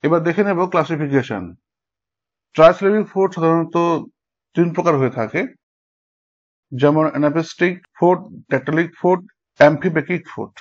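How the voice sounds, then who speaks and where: A man teaching a lesson, explaining step by step and pausing to check that his students follow. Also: on the high side. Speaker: English teacher. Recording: dull lo-fi sound.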